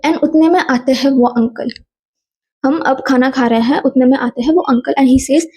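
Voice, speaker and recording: A young woman telling a personal story in a lively casual vlog, mixing Hindi and English. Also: high voice, moderate pace, husky. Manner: animated, mixes Hindi and English, quotes people in dialogue.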